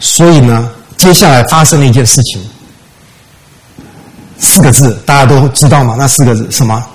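A man's voice: medium pitch, normal speed, rough recording. A man preaching a sermon, retelling a story with rhetorical questions and dropping English words into his speech. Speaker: pastor.

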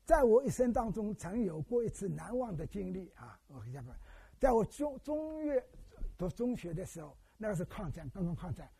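A man's voice: sits high, creaky, husky. An elderly man from Wenzhou preaching a sermon, telling stories and quizzing his listeners with questions. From Wenzhou, China. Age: older. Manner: animated storytelling, quizzes the congregation with questions. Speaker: pastor.

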